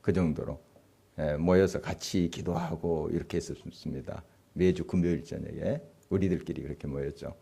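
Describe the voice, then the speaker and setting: Male pastor, sermon in a church, deep voice, warm dark tone, chatty with questions to the pews. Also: fairly even intonation, moderate pace, gravelly, slightly rough. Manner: conversational, asks the congregation questions and chuckles. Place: church sanctuary.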